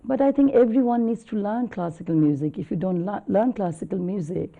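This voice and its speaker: A woman's voice: mid-range voice, a little fast, vocal fry, phone-quality sound. A woman in her fifties, a classical singer talking earnestly in an interview with loose, rambling phrasing. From Bangladesh. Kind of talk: conversational interview.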